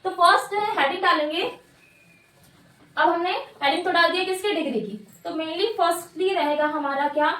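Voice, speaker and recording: A woman teaches grammar in a high, bright-pitched voice, posing questions and answering them herself. She repeats each key word. The mic sits well back, so the sound is roomy and echoey. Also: normal speed. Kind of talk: grammar lesson at a board. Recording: echoey room, mic at a distance.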